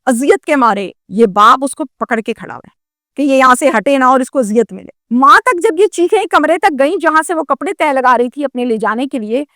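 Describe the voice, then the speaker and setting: Bright-voiced woman narrating crime news. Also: sits high, expressive, no echo, clean studio sound. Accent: Pakistani Urdu. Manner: indignant, lecturing, addresses the listener directly. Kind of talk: crime story narration with commentary.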